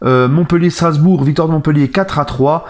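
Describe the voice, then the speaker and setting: A man's voice: a little high, moderate pace. Guy in his 30s doing a football fan vlog, sad and subdued, gets worked up ranting. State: grieving. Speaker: football fan channel host. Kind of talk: casual vlog monologue.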